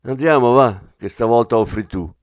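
A man's voice: medium pitch, moderate pace, no echo, close to an everyday voice. A man voices a cheeky male police inspector in an audiobook. He jokes lightly with his superior. The sound is close and dry. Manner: cheeky, joking. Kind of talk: audiobook character voice.

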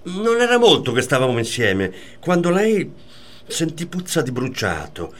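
A man reading the part of a tormented man caught between his wife and his mistress in a radio play, in a clipped, halting delivery. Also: a little high, wildly swooping pitch.

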